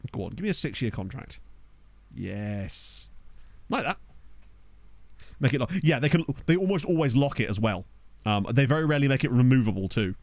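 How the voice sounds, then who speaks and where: Playing a football management game on stream, this chatty man wanders between thoughts, chuckles often, and reacts aloud to the players he turns up. His voice is animated and darkish, with lively pitch, a moderate pace, and long pauses. He's close to a desk mic in a dry, echo-free room.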